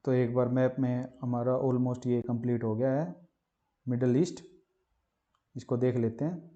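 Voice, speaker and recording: A man's voice: medium pitch, steady tone, unhurried, warm tone. A male teacher giving an exam-prep geography lesson. He teaches with memory stories, and he keeps asking questions and answering them himself. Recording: muffled lo-fi voice-over.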